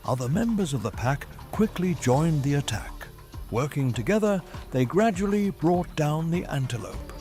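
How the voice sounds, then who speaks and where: A man reads scripted nature documentary narration in a measured, formal storytelling manner. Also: fairly high pitch, expressive. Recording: music behind the voice. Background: background music.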